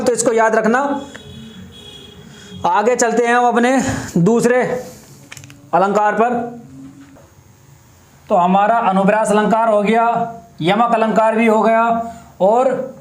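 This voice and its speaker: A man teaching a Hindi grammar lesson for exam prep, explaining slowly, repeating examples and asking rhetorical questions. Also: very high-pitched, flat delivery, echoey room.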